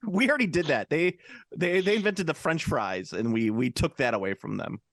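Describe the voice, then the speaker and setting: An American man co-hosts a podcast in casual, joking conversation, rambling with lots of restarts and fillers. His slightly high voice has lively intonation and a fairly quick pace, with no echo.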